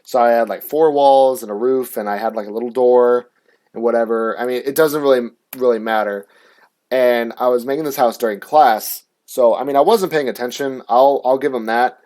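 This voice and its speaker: A young man hosting his own show tells a story as a casual, aggrieved rant packed with swearing and filler words. His voice is medium-pitched and darkish, at a normal speed.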